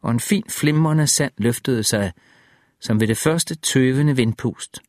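A man reading a first-person audiobook in a calm, measured, reflective way. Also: medium pitch, no echo, clean studio sound. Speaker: audiobook narrator.

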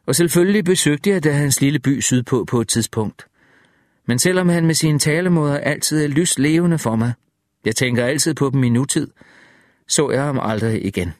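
A man narrates a first-person audiobook at a calm, measured pace. His voice has a middling pitch, and the recording is dry and close with no reverb. The delivery is reflective and even.

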